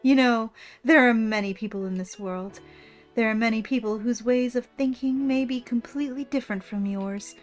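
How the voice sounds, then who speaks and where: A woman's voice: fairly high pitch, moderate pace, faint music behind, close to an everyday voice. Woman playing a self-assured lady gym leader. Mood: self-important. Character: self-important lady gym leader and model, calmly lecturing. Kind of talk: reading video game dialogue aloud.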